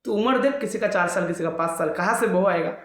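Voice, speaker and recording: A man's voice: sits high, fast, pitched above the performer's own voice, natural voice. A man voicing a fussing mother who coaxes and reassures her little son in a protective tone. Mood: coaxing, worried. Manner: coaxing and protective. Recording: echoey room.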